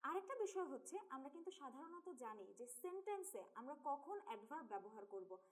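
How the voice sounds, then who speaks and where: A woman's voice: high-pitched, big pitch swings, fairly quick. A young woman with a Bangladeshi Bengali accent teaching English grammar in an online lesson. She explains step by step, mixes English terms into her Bengali and talks straight to her students.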